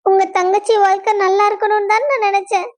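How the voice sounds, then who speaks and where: A woman's voice: very high voice, level tone, quick pace, darkish tone. A young woman acting a distraught wife who pleads with her husband in an emotional web drama. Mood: pleading.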